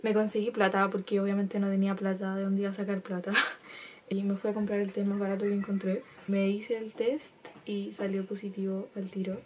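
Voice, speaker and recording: A woman's voice: medium pitch, little pitch movement, fairly quick, a little hiss or hum. Chatty Chilean teen girl vlogging. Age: teenager, 15. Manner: chatty, laughs often, acts out quotes. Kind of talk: casual storytelling to camera.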